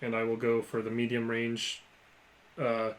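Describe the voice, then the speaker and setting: A man's voice: mid-range voice, monotone, measured pace, slight background noise, rough recording. A man talking casually as a player in a tabletop role-playing game.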